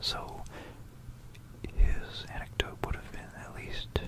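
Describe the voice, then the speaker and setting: This history narration comes as a close, breathy whisper into a binaural microphone, paced slowly. It's hesitant and rambling, with phrases frequently repeated.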